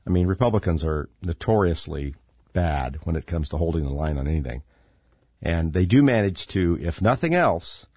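On his own podcast, a middle-aged man offers casual political commentary in a low, husky, darkish voice that sounds somewhat congested. His monologue rambles, sardonic and full of fillers, captured in clean studio sound without any room echo.

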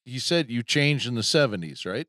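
An older man from the United States keeps jumping in to tell his side, teasing the younger men. His voice has an ordinary pitch and sits dry and close to the mic. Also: sing-song, normal speed, fairly bright tone, no echo. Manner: interjecting, ribbing storyteller. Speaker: guest. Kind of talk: casual chat.

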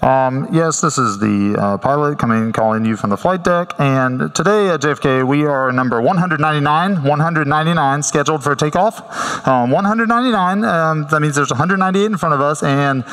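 Preacher guy doing a pilot on the intercom, bit high, lots of ums, drawly cabin announcement. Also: a bit bright. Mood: flat, apologetic. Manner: halting, drawling intercom patter with fillers. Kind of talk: sermon illustration.

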